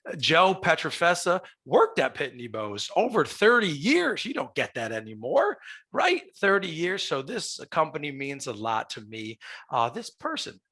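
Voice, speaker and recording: A man with a smoker's rasp, hosting a podcast in a chatty showman's style on a headset mic. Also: fairly high pitch, wildly swooping pitch, normal speed, sharp tone. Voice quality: raspy, like a smoker's voice. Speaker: podcast host. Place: small glass-walled office, video call. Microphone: headset boom mic.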